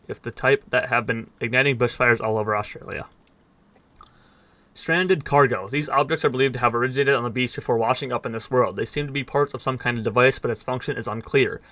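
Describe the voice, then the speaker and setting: A man races through in-game text, reading it aloud for his viewers. His voice is bright and crisp, recorded close and dry with no room sound. Now and then he trips on a word or drops a dry aside. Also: medium pitch, dry recording. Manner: fast, slightly stumbling reading with dry asides. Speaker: gaming let's player.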